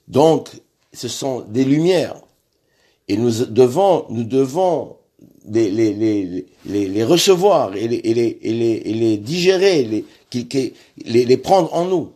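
Man, religious lesson, halting delivery, repeated words, spells out Hebrew letters. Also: medium pitch, mellow.

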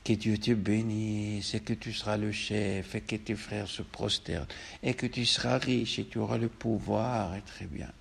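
A man voicing an old blind father, gentle and trusting, murmuring softly in a raspy, gravelly voice. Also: on the low side, fairly even intonation, exaggerated voice. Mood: tender. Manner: soft slow murmur.

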